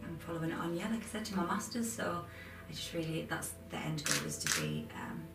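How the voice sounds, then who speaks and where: Young lass with a durham accent chatting in an interview, lowish voice, echoey and far from the mic, music behind. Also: female voice, wildly swooping pitch, a little fast. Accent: Durham, north-east English. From Durham, England. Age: 20s. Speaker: interview guest, aspiring film and TV editor. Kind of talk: casual interview chat. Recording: roomy, distant mic, music underneath.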